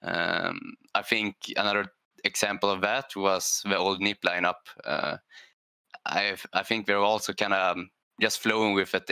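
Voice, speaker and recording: Low, crisp-voiced man, musing with fillers. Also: bright, forceful tone, no room sound. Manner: thoughtful, hesitant, with many fillers and "right?" tags. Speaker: esports player on a structured team. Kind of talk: panel discussion on a gaming show.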